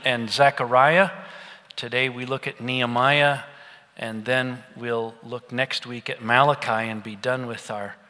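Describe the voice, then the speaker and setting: A man's voice: mid-range voice, bright, forceful tone. Middle-aged preacher guy, chatty bible teaching, voice echoing long around a big church. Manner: conversational Bible teaching with a storytelling touch. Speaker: pastor. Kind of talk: expository sermon. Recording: long reverb of a large hall.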